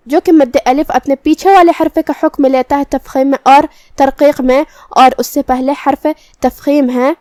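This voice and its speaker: A woman's voice: sits high, darkish tone, dry recording. A woman teaching a Quran recitation lesson, patiently explaining each pronunciation rule step by step.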